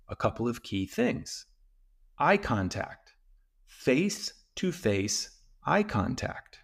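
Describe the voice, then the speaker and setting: A man hosting a solo talk show, calmly explaining ideas and slowing down to stress key points. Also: fairly low pitch, creaky. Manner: calm and explanatory, with slow emphatic stretches. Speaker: podcast host and men's coach.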